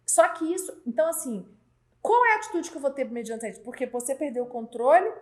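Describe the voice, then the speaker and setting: Animated woman, loud voice. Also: sits high. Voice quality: loud speaking voice. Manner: animated, acts out dialogue with quick voice changes. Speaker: host. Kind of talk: casual chat.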